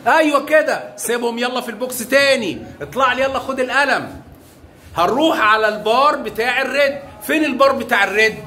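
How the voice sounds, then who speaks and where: A man's voice: very high voice, quick pace, sharp tone. A man with an Egyptian Arabic accent teaching math to young children, coaxing them along with lots of praise and pet names. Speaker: primary school math teacher. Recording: echoey room, faint background noise.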